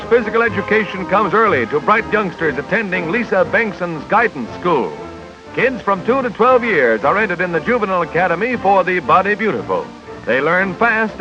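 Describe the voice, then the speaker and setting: A man narrating an old 1940s newsreel in a jaunty, wisecracking announcer style. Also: sits high. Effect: old 1940s newsreel soundtrack. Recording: muffled old film sound with music.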